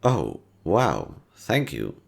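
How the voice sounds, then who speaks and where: A man in full character voice speaks low and extremely slowly, his pitch swooping wildly and his tone full of vocal fry. He plays a kind, teasing, easily flustered young guy in a roleplay audio, speaking casually and playfully right to the listener. The mood is caring and gentle, the talk slangy, with muttered asides.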